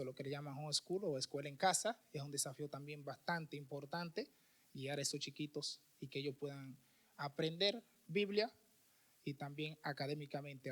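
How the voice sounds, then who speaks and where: A man with a Dominican Spanish accent, a missionary preacher giving a conversational sermon with restarts and fillers. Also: fairly high pitch. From Dominican Republic.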